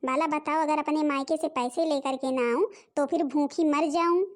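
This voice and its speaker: A woman's voice: sits high, fairly even intonation, normal speed. A woman voicing every figure of a cartoon family drama, from a sweet mother-in-law to scheming and scolding daughters.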